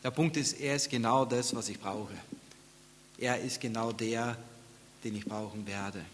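A man preaching a sermon, moving from quiet, hushed reflection to loud, raised scripture reading. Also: fairly even intonation, measured pace, long reverb tail, a little hiss or hum. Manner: swings from soft, near-whispered reflection to loud, high-pitched scripture reading.

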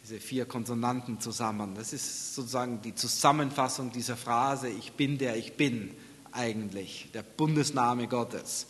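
Male preacher, sermon delivery, soft asides and booming readings, long reverb. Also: moderate pace. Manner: swings from soft, near-whispered reflection to loud, high-pitched scripture reading.

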